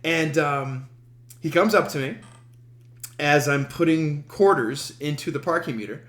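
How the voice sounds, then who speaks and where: A man's voice: a little high, a bit bright. Guy hosting a podcast, rambling wry storyteller, lotsa ums, sounds kinda echoey. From Denver, USA. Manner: rambling, halting delivery full of ums; wry, self-amused humor. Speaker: podcast host. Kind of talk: casual storytelling monologue.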